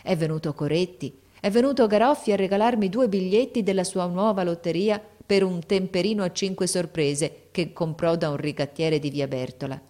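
A woman reading a classic novel aloud as audiobook narration, gently and in measured phrases. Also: on the low side.

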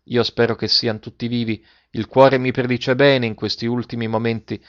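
A man's voice: medium pitch, level tone, normal speed, dry recording, highs cut off, close to an everyday voice. A man voicing a frail, loving dying mother who speaks with pleading emotion. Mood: tender, resigned.

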